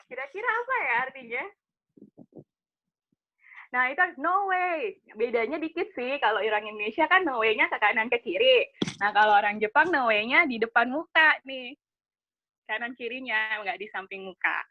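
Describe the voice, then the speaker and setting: A woman gives a relaxed online lecture in a fairly high voice, chatting and throwing questions at her listeners. The sound is dry and a little dull, like a computer microphone on a video call. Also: normal speed, no echo. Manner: chatty, asks the audience questions, laughs at own jokes. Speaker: webinar presenter on Japanese culture. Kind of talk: casual lecture with slides. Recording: dry, slightly dull webinar audio.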